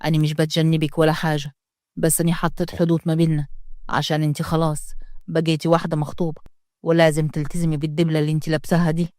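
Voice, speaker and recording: A woman's voice: sits low, little pitch movement, very fast, dark tone, no echo, studio quality, lightly acted. A woman voicing a stern, proud young village mayor in an Upper Egyptian accent, speaking curtly in a story reading. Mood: cold. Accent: Upper Egyptian Arabic. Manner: curt and scolding. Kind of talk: storytelling read-aloud.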